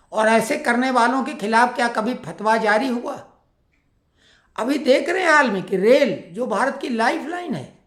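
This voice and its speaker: Roomy-sounding woman firing rhetorical questions. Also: mid-range voice. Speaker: political commentator. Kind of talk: opinionated monologue. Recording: roomy echo.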